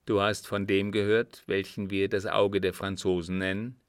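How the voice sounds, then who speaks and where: A man voicing a cold, guarded older desert sheik in an audiobook reading, with a measured, cool delivery. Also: deep voice, little pitch movement, smooth, dry recording, studio quality.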